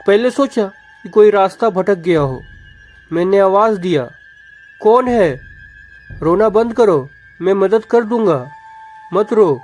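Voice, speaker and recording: A man voicing a terrified male woodcutter, breathless and stammering as he shouts for help in a storybook horror tale. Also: high-pitched. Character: terrified young male woodcutter, panting and shaken.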